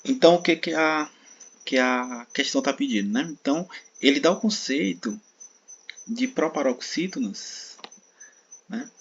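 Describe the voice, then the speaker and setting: A man's voice: a little high, lively intonation, measured pace, gravelly, pauses often, fairly bright tone, slight background noise. A man with a Brazilian Portuguese accent teaching an exam-prep lesson, patiently explaining and often checking in with his listeners. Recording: dull sound with faint crickets.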